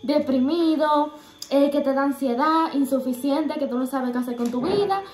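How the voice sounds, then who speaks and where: High-pitched young woman sharing a faith testimony, earnest and halting, roomy echo. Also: a little mellow, faint music behind. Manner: earnest, halting, many fillers and restarts.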